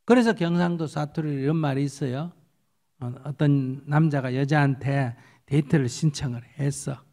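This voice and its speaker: A man, a Buddhist monk answering questions in an animated, storytelling way. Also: a little high, moderate pace. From South Korean countryside. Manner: animated storytelling, acts out quotes, rhetorical questions. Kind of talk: lively spoken dharma Q&A.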